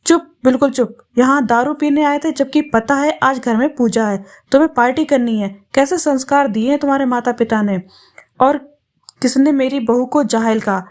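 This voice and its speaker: A woman voicing a sharp-tongued older mother-in-law who scolds and snaps at people. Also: high voice, normal speed, natural voice. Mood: furious. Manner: scolding, fierce.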